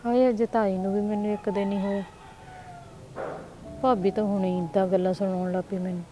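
A woman playing a hurt married sister who speaks softly and then turns sharp and defiant. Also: mid-range voice, little pitch movement, a little fast, lightly acted. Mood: brooding. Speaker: married sister visiting her brother. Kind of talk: village family drama acting.

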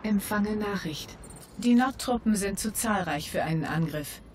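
An actress playing a composed battlefield computer announcer in a video game, measured and formal. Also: female voice, medium pitch, expressive, lightly acted. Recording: game battle noise behind.

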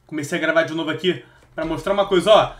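A young man with a Brazilian Portuguese accent who hosts a trailer reaction and bursts into excited shouts. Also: on the high side, rapid-fire. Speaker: reaction video host. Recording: echoey room.

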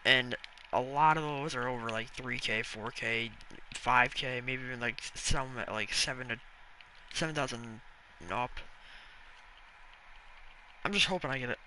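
A young man live-streaming a video game, rambling casually to viewers and breaking into excited yelling and swearing. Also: medium pitch, moderate pace, pauses often, a little hiss or hum, low-quality recording. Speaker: gaming streamer.

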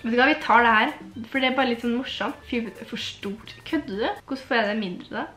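Bubbly teenage Trøndelag girl with bright voice. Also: a little high, soft background music. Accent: Trøndelag Norwegian. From Trøndelag, Norway. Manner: bubbly, chatty, giggly. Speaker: YouTuber. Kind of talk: casual vlog chat. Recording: echoey room.

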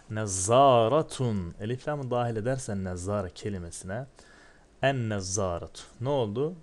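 Low-voiced man teaching from a textbook. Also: darkish tone. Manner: asks himself questions then answers, reads words slowly. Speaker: Arabic teacher. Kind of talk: textbook lesson explanation.

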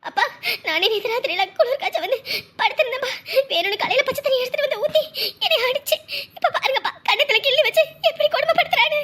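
Whiny tearful cartoon stepdaughter. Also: female voice, very high voice, fast talker, a bit bright. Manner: whiny, pleading. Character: mistreated young stepdaughter, teen girl, tearful. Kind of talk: Tamil cartoon voice acting.

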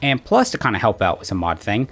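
A man's voice: on the low side, wildly swooping pitch, fast talker, fairly bright tone, slightly rough. A man casually commenting on his game build, chatty and rambling with lots of fillers, a little out of breath after exercising. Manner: chatty, rambling, frequent fillers and "right?" asides. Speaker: gaming channel host.

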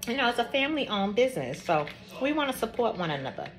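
A woman's voice: on the high side, very animated, fast talker. A woman hosting a casual cooking vlog, chatting and tasting food on camera. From Georgia, US. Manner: chatty, tastes on camera with mouth full. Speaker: cooking channel host. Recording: audible background noise.

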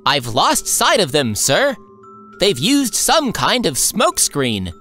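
A sinister robot train conductor from a cartoon, as a man puts him on, drawling each threat slowly while his pitch leaps wildly. The tone is bright and sharp, with faint music underneath. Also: huge pitch swings, heavily acted. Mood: searching. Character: menacing male train conductor henchman robot. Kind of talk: cartoon voice acting.

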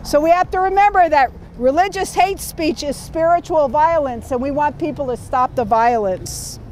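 High-voiced woman leading an outdoor drill. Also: normal speed, darkish tone, slight background noise. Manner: projecting teacher voice, checks in with the group. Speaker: community training leader. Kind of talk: reading a training guide aloud to a group.

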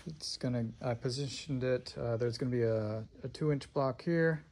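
Here the same kind of shop narration comes in a mid-range, slightly mellow voice at normal speed: a middle-aged man musing aloud, full of fillers, about building a boat. He films on a handheld phone inside a large woodworking shop.

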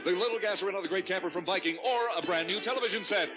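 A man rattles off prize descriptions in game show announcer style. His voice is high and the pace is very quick. Loud music plays behind him on an old TV tape. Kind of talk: scripted prize copy read.

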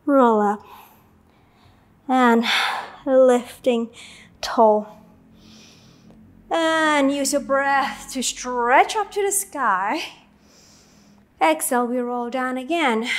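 A woman leading a Pilates mat class, giving short, calm movement cues and counting out the reps. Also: high voice. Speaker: Pilates instructor. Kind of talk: workout class instruction.

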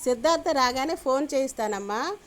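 A woman reading the part of an older father speaking slowly and gently on the phone. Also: high voice, lively intonation. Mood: courteous. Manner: slow, gentle, courteous.

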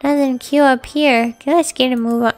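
A woman's voice: high voice, steady tone, normal speed, a little mellow, faint music behind, close to an everyday voice. A woman voicing a sassy, scheming cool-kid bully girl, bossy and sardonic, in a game read-through. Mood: mocking.

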